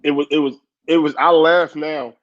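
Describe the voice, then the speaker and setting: A man co-hosting a casual chat, animated, laughing often and acting out quotes. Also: on the high side, normal speed. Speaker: podcast co-host. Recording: dull lo-fi audio.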